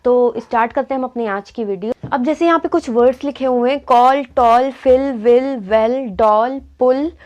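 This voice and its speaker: A woman's voice: a little high, normal speed, hardly any pauses, darkish tone, muffled recording. A young woman teaching spelling rules in a lesson, often asking a question and then answering it herself. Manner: asks and answers her own questions. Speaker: English teacher. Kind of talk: classroom-style spelling lesson.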